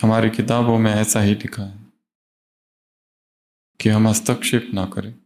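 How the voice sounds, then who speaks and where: A man voicing a male monk who calmly lectures in a detached, scripture-quoting way. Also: on the low side, measured pace, a little hiss or hum. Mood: lecturing.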